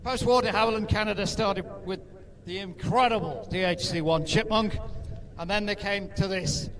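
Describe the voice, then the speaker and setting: A man's voice: sits high, moderate pace, fairly bright tone. A man giving live airshow commentary, addressing the crowd in an informative way with lightly wry asides. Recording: outdoor event with crowd and aircraft noise.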